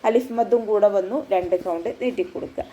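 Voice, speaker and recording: A woman's voice: mid-range voice, quick pace, dark tone, highs cut off. A woman Quran teacher giving a patient, step-by-step tajweed lesson, often checking that her students follow. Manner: patient step-by-step instruction, with frequent checks for understanding.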